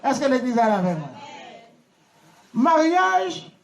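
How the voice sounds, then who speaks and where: A high-voiced Haitian pastor preaches at a wedding, his pitch sitting well above most men's. He leads his congregation in call-and-response, quizzing them like a teacher and getting them to repeat lines back to him. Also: big pitch swings, unhurried, creaky, some chatter behind, low-quality recording. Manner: laughing, teacherly questioning. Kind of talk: wedding sermon.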